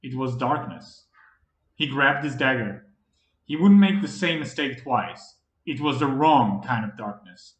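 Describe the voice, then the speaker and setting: A man reading fantasy audiobook narration in a dramatic, expressive way. The recording is roomy. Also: medium pitch, measured pace. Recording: roomy echo.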